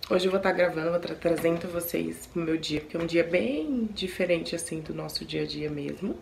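A woman's voice: lowish voice, moderate pace, gravelly, a little mellow, slight background noise. A young Brazilian woman chatting casually to her viewers in a home vlog, speaking Portuguese with a Brazilian accent. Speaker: vlogger. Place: home, indoors.

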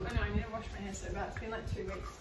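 A woman's voice: medium pitch, steady tone, very fast, over a noisy crowd. A young Australian woman chatting casually and bluntly, with swearing, while she cooks at home. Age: young adult. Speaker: home cooking vlogger. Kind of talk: casual chat while cooking. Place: small home kitchen, indoors. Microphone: camera a few feet away. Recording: echoey noisy kitchen, distant camera mic. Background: clattering dishes and pans.

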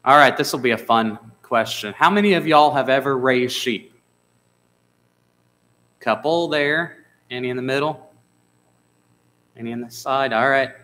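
Bright-voiced man preaching a sermon. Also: medium pitch, measured pace, long pauses, low-quality recording. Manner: conversational, asks the congregation questions. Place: church sanctuary.

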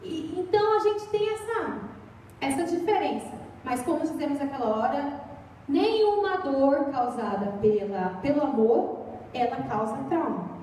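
A woman's voice: high voice, animated, a little slow, mellow, a little hiss or hum. A young Brazilian woman preaching a sermon in a church, chatty and storytelling, recorded from far off in an echoey hall. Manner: chatty storytelling, acts out voices.

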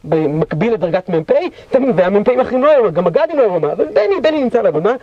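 A man's voice: high-pitched, very animated. Dramatic man guiding a history tour. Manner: dramatic storyteller, acts out quoted shouts. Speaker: tour guide. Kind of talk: guided tour storytelling lecture. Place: historic site on a guided tour. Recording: dull lo-fi recording.

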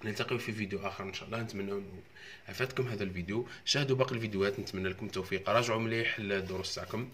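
A young man with an Algerian Arabic accent teaching English. He says the English words slowly and clearly, then explains them quickly in Arabic. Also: on the low side, fairly bright tone, a little hiss or hum. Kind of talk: exam walkthrough lesson.

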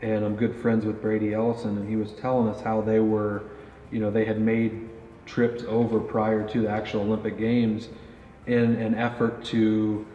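Speaking at normal speed, this man's voice is on the low side and mellow, his delivery completely flat. He's in his thirties, a company pro staff interviewer conducting a casual product interview with a guest at an indoor range, explaining archery gear with lots of fillers. Roomy echo, dullness and faint noise mark the recording.

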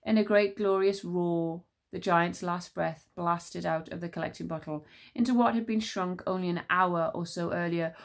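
A woman teacher reading a children's book aloud with expressive storytelling. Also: on the low side, moderate pace, gravelly, few pauses.

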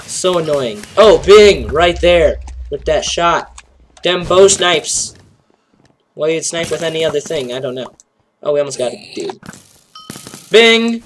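A young man with a stuffy, nasal voice casually commentating a game, joking around and shouting bursts of excitement at the action. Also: a little high, a little slow, a little hiss or hum. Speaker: gameplay commentator. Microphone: home desk mic.

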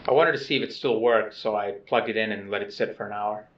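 Played by an actor, an awkward and earnest man haltingly narrates a personal video letter, modest, unsure, hesitant and subdued, softly self-effacing. His voice, a little low and close to an everyday one, comes through as dull, echoey, distant playback with music in this low-key found-footage monologue.

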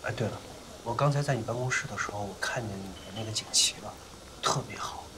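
A man's voice: on the low side, quick pace, background noise, lightly acted. An actor playing a contrite young husband who stammers out apologies and pleads with his crying wife. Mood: tender. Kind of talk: TV drama acting. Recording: drama scene under loud music.

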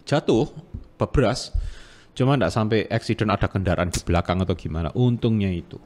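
A man's voice: lowish voice, a little fast. A man, a bike mechanic telling a workshop story in casual chat, acting out the customer's lines. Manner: animated storytelling, acting out dialogue.

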